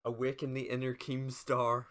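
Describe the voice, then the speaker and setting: A man's voice: mid-range voice, monotone, moderate pace, a bit bright. A young man co-hosting a casual podcast chat, teasing his friend with dry quips. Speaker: podcast co-host.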